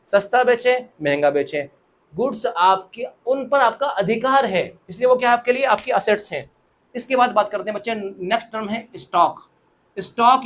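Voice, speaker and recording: A male teacher explaining accounting terms to students, asking them questions and repeating key words, with playful examples. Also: high-pitched. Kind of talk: classroom-style accounting lesson.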